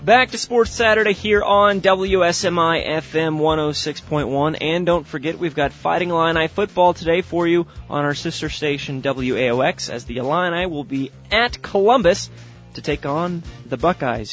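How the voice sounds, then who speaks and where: A man co-hosting a radio sports show, reading a station announcement in a loud, dense announcer voice. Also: on the high side, normal speed, soft background music. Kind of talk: booming radio announcer read. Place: radio studio. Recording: dry, slightly dull radio studio sound.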